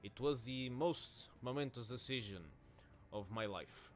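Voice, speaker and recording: A man's voice: mid-range voice, a little slow, slight background noise, close to an everyday voice. A man voicing a stern, proud older male seneschal and former navy officer, who speaks in a formal, reproachful way. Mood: earnest.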